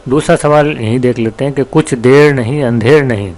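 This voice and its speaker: A man teaching a class, explaining word meanings slowly and patiently and repeating himself for students. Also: medium pitch, darkish tone. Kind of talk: recorded classroom lesson.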